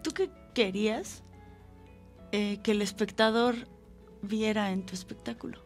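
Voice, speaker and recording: A woman's voice: mid-range voice, steady tone, a little slow, soft background music. A woman hosting an interview, asking probing and personal follow-up questions. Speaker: interview host.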